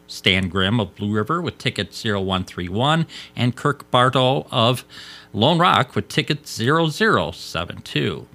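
An American man reading scripted local radio news as an announcer, in a measured, formal way. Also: mid-range voice, pushed and bright. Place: radio studio.

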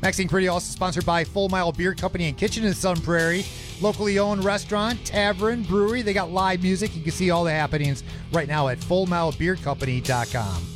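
A man's voice: high voice, steady tone, fast talker, over music. An American man hosting a live local radio show, moving between interview chat and sponsor reads.

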